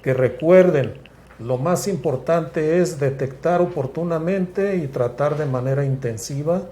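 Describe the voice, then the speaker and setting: A man, a psychiatrist guest explaining things in a measured, step-by-step way with frequent restarts. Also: on the high side, mellow, slight background noise. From Mexico. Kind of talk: explanatory interview talk.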